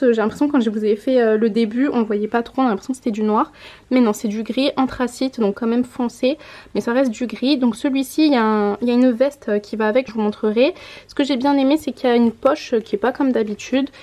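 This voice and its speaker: A woman's voice: a little high, steady tone, quick pace, darkish tone. A woman in her twenties chatting casually in a haul vlog, showing clothes to the camera and correcting herself as she goes. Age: 20s. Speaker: mom vlogger. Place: home room by a window.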